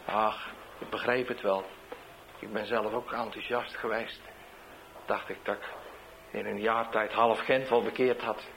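A man, a street evangelist, tells a testimony in an animated storytelling way, swinging between loud bursts and hushed asides. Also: on the low side, measured pace, creaky, long pauses, slight background noise, low-quality recording.

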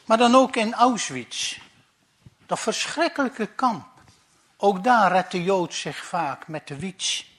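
Brief: unhurried joke teller, man with a high voice. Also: lively intonation, a bit bright. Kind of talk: telling jokes.

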